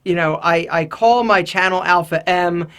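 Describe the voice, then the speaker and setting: Male YouTube host, light voice without bass, emphatic delivery, casual advice to camera. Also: moderate pace, clean tone. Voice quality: light, not deep, rises high when excited.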